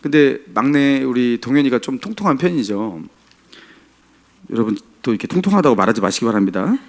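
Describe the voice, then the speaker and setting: A middle-aged pastor preaching a Sunday sermon in a church, asking the congregation questions. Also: male voice, mid-range voice, lively intonation, brisk. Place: church sanctuary.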